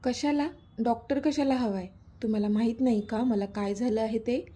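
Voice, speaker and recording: A woman voicing a distressed young woman, soft-spoken, weak and irritable. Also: on the high side, fairly even intonation, unhurried, slightly rough. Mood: irritated.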